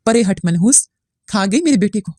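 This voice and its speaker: A woman's voice: medium pitch, expressive, normal speed, mellow, no room sound, close to an everyday voice. A woman voicing a bitter, accusing older mother-in-law in a spoken story.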